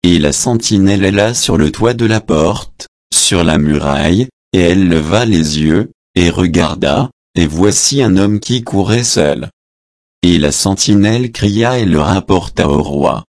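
A man reading scripture aloud in a measured, solemn way, announcing verse numbers and adding short translation notes. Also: low-pitched, expressive, no echo, studio quality. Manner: adds short translation notes between passages.

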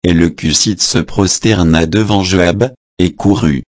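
Deep, slow man reading scripture. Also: no echo, studio quality. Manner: measured, solemn reading that announces verse numbers; adds short translation notes between passages.

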